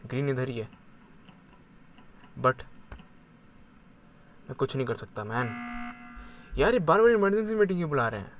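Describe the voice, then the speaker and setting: A young man giving chatty, excitable commentary on his game, mixing Hindi and English. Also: mid-range voice, normal speed, pauses often, a little hiss or hum. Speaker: gamer. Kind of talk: casual gaming commentary.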